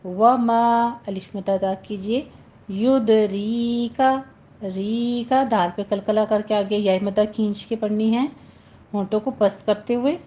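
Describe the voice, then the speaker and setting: A woman teaching Quran recitation, chanting verses with long drawn vowels, then briskly explaining pronunciation rules. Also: mid-range voice, fairly even intonation, mellow, muffled recording. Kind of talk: slow tajweed lesson, recitation alternating with explanation.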